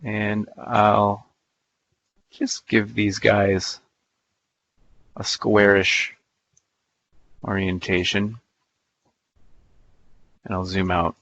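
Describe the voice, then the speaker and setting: Man, software demo presenter, playful folksy manner, lowish voice, dull muffled recording. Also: flat delivery, drawn-out words, pauses often, no echo. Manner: playful, folksy, thinking aloud. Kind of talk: live software demo talk.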